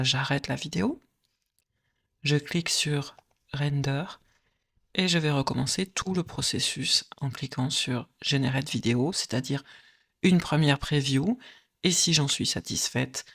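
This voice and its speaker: A woman narrating a screen-recorded software tutorial, explaining step by step with frequent hesitant filler pauses. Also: deep voice, creaky.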